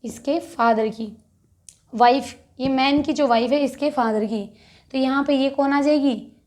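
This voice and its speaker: A woman's voice: sits high, unhurried, darkish tone. A woman teacher explaining a lesson, who asks her class questions and answers them herself and repeats the key words.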